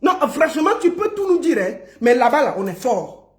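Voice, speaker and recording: A woman's voice: sits high, very animated, normal speed, darkish tone, roomy sound. A woman from Cameroon, ranting in a mocking online stream and drawing out syllables like a schoolteacher. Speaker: online commentator. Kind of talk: mocking live-stream rant.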